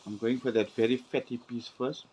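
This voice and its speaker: A man hosts a relaxed tasting session on camera. His voice sits at an ordinary middle pitch, and he talks with keen enthusiasm, stumbling a little as he chews. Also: a little hiss or hum. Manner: enthusiastic, halting while chewing. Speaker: host. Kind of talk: casual food tasting.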